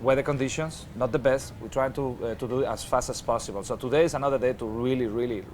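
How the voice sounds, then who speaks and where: An upbeat cruise director, this man speaks with a Spanish accent in a chatty, unscripted presenting style. His voice sits at a middling pitch, with a light layer of background ambience around it. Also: fairly even intonation, quick pace, a little mellow, slight background noise. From Spain. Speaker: cruise director hosting a daily ship show.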